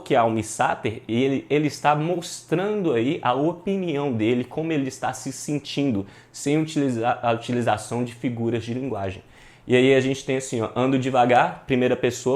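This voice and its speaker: A male teacher, giving a lively, slangy exam-prep class and shouting words out loud for emphasis. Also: medium pitch. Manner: lively, slangy, addresses students as "galera"; bursts into loud emphatic shouts when stressing syllables.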